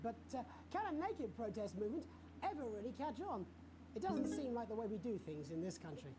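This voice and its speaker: A dry, sceptical British news anchor in a comedy game. His pitch moves around a lot, with clear noise behind. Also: sing-song, a little fast. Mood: dry, doubtful.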